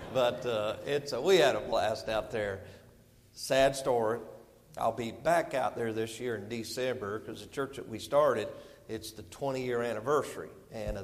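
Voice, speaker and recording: A middle-aged visiting preacher with a North Carolina Southern accent delivers a sermon in a church sanctuary, folksy and rambling with plenty of fillers. His pitch is fairly low, and a long reverb tail follows his words.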